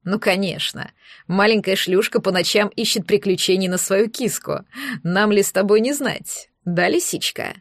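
A woman reading an audiobook, voicing a mocking, angry young man in a lowered voice. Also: moderate pace, dry recording, studio quality, close to an everyday voice. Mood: sneering. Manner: sneering, lower-pitched, forceful.

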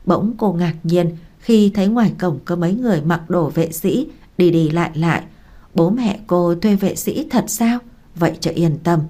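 A woman narrates a story with a steady, even delivery. Her voice sits low and sounds warm and mellow.

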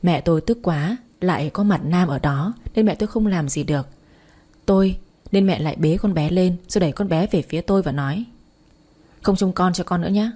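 A woman reading a first-person story aloud in a steady, even way. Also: lowish voice, brisk, slightly rough. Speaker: story narrator.

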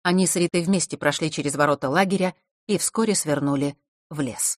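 A woman narrating an audiobook chapter in a calm, measured reading on a close mic. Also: sits low, no room sound.

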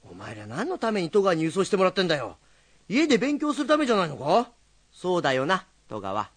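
A gruff young rakugo teller. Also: male voice, sits high, wildly swooping pitch, no room sound, heavily acted. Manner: gruff, rough-tongued and quick to scold. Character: hot-headed young male rakugo teller, blunt. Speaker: rakugo storyteller teaching students. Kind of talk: film drama acting.

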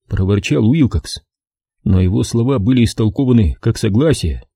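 Expressive man reading an audiobook. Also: fairly low pitch, husky, no echo, studio quality. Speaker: audiobook reader. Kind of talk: audiobook narration.

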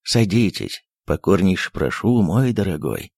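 A man voicing a fussy, sentimental elderly postmaster who speaks low and coaxingly, dropping into whispers. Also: very animated, a little slow, a little mellow, breathy edge, no room sound, clean studio sound, heavily acted. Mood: coaxing tender.

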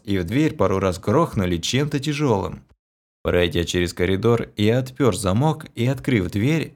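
A man narrating a first-person audiobook in an expressive reading. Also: lowish voice.

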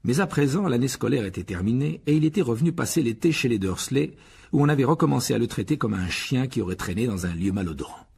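Gravelly male audiobook narrator. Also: mid-range voice, fast. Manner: expressive storytelling.

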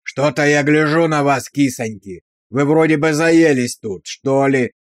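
A man voicing a brutal, abusive male drill sergeant who barks insults with slow, hammering emphasis. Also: fairly high pitch, no echo, clean studio sound, lightly acted. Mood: mocking.

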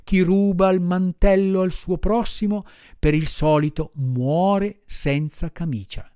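Storybook puppet boy, read by a man: raised pitch, earnest, lively, dark-toned. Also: slow, clean tone, no room sound, clean studio sound. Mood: scolding.

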